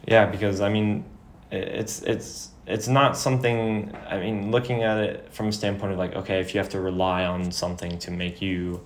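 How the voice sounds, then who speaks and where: A man's voice: sits low, steady tone, moderate pace. A young man from Houston, Texas, a podcast guest who talks in a hesitant way, stopping and restarting. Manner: hesitant, many fillers and restarts. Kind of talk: casual conversation. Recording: echoey room, faint noise.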